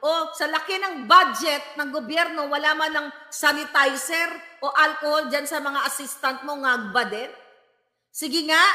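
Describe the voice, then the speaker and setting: A woman from the Visayas, a political commentary vlogger, rants over a video clip, mocking and scolding as she swaps between Tagalog and English. Her voice is high-pitched, pushed, and bright, in an echoey room with long reverb.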